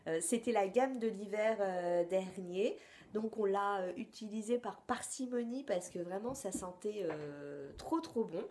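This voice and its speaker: A woman reviews her used-up beauty products in a relaxed, chatty vlog. She speaks to her viewers directly, hesitating often and restarting her sentences as she searches for words. Her voice sits at an ordinary middle pitch. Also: a little slow. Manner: hesitant, frequent filler sounds and restarts. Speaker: beauty vlogger.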